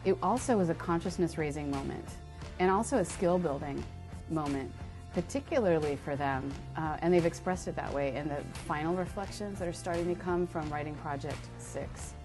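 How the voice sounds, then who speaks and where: A woman teacher with a low voice speaks in a reflective, measured way. Soft music plays behind her. She is giving a documentary interview. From San Diego, California. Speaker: writing teacher. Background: background music.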